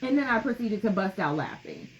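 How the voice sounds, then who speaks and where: A woman's voice: medium pitch, very animated, a little fast. A woman co-hosts a casual podcast conversation, speaking candidly and with emphasis. Her audio is a little dull and lo-fi, with a faint noise underneath. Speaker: podcast co-host.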